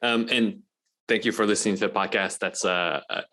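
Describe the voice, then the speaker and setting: Very low-voiced man, relaxed and halting. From Malaysia. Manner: relaxed, with many ums and restarts. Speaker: guest, venture investor. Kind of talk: casual interview chat.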